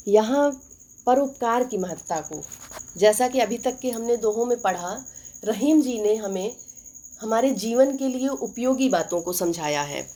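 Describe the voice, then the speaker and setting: A woman's voice: fairly high pitch, darkish tone. Woman teacher explaining poetry for exams. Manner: asks rhetorical questions and answers them; recites verse lines slowly and deliberately. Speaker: Hindi teacher. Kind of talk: exam-focused poetry lesson.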